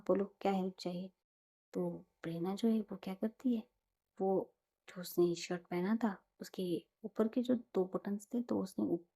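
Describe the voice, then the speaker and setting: A woman casually retelling a romance story in a relaxed, conversational way, often dropping into whispers. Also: lowish voice, husky.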